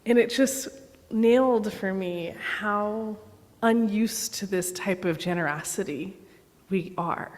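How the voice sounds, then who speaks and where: Woman, guest preacher, sermon, lively storyteller, long church reverb. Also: fairly low pitch. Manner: animated storyteller, acts out dialogue. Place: church sanctuary.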